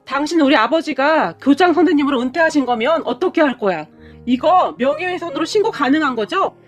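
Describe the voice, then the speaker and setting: A woman's voice: high voice, animated, brisk, faint music behind. A woman voicing an exasperated husband who whines and pleads with his father. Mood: indignant. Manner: whiny, pleading. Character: exasperated adult son, narrator's husband.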